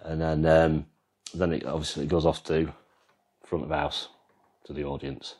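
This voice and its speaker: Deep english bloke rambling through his band mixer, handheld cam. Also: level tone, measured pace, darkish tone, slightly rough. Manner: rambling, explains as he goes. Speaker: vlogger and band musician. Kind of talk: casual walkthrough demo. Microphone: handheld camera, freehand.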